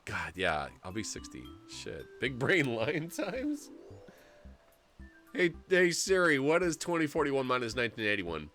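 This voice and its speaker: With a mid-range voice and a measured pace, a man in his forties streams a story game and reads its narration out loud. He jokes around, laughs a lot, and rambles in an animated way over soft background music.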